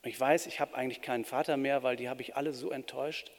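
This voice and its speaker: A pastor giving a sermon in an earnest, plain-spoken way with shifting emphasis. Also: male voice, medium pitch, steady tone, fast. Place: church. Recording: reverberant church hall.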